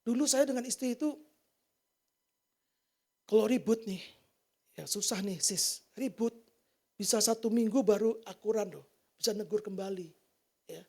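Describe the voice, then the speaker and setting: A man giving an informal sermon testimony to a church congregation, talking in a colloquial, animated way and asking the listeners many rhetorical questions. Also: sits high, moderate pace, pauses often. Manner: colloquial, slangy delivery. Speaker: church preacher.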